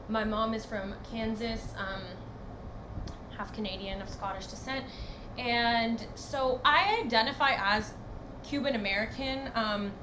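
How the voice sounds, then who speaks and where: A young woman co-hosts a casual podcast, speaking earnestly and thoughtfully. Her voice bounces around an echoey room, and clear background noise sits under it. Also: mid-range voice. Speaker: podcast co-host. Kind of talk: casual chat. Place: home, far from the other host.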